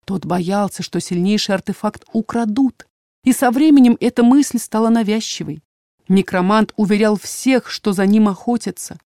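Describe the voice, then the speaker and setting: Mellow woman reading a fantasy audiobook. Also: medium pitch, dry recording, studio quality. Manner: measured, expressive reading. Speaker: audiobook narrator. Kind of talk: first-person fantasy audiobook narration.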